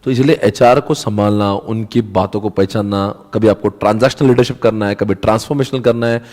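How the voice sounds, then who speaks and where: A man's voice: on the low side, fairly even intonation, brisk, darkish tone, long reverb tail. A man teaching a casual lecture in a chatty, conversational way, acting out little quotes as he goes. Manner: chatty, mixes Hindi and English, acts out quotes.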